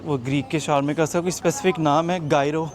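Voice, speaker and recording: A young man from Pakistan, a travel vlogger, talks fast in a fairly high voice with fairly even intonation as he walks a busy tourist waterfront. Chatty and jokey, he addresses viewers over crowd noise, street noise, and traffic.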